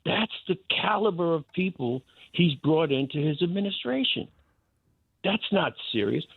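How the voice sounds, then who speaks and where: A man's voice: fairly high pitch, sing-song, normal speed, creaky, husky, no echo. An older man, calling in to a radio talk show and speaking bluntly and emphatically. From New York. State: caller on a phone line to a radio show. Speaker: radio show caller, former talk radio host. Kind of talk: opinionated call-in talk. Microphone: telephone. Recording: tinny dry phone line.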